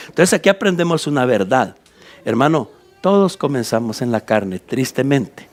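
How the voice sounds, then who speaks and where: A Guatemalan man who is a pastor, teaching a Bible study to church leaders and explaining scripture point by point with direct questions to his listeners. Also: medium pitch. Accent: Guatemalan Spanish.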